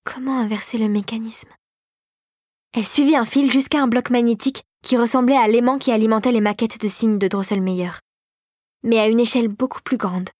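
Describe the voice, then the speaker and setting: A woman narrating an adventure storybook in a dramatic, expressive way. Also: a little high, brisk, dry recording, clean studio sound.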